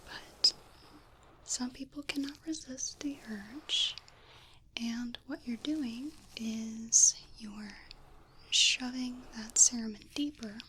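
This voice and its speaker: Woman, whispered role-play, soft breathy whisper, very unhurried, gentle clinician manner, noticeable background noise. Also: on the high side, fairly even intonation, rough recording. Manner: gentle, unhurried, reassuring explaining. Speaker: ASMR performer playing an ear-exam clinician.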